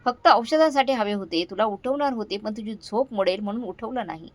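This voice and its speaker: A woman's voice: a little high, brisk, no echo, close to an everyday voice. A woman voicing an elderly mother-in-law who pleads her innocence, trembling, in a dry recording. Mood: pleading.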